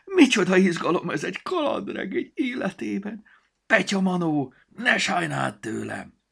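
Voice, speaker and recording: Shrill thrill-seeking talking book. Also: male voice, very animated, creaky, a bit bright, slightly rough, full character voice. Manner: shrill, theatrical cries. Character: excitable adventure-loving talking storybook.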